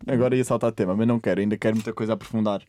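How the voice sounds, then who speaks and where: Fast-talking gossipy young man. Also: lowish voice, steady tone, mellow. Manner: gossipy storyteller, acts out quotes. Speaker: podcast co-host. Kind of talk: casual chat.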